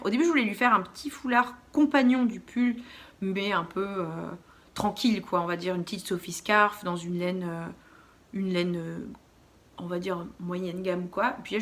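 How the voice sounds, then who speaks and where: Young woman, chatty podcast host, loose and rambling delivery. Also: mid-range voice. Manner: chatty, rambling, with frequent fillers and restarts. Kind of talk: casual chat. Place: dark room at home.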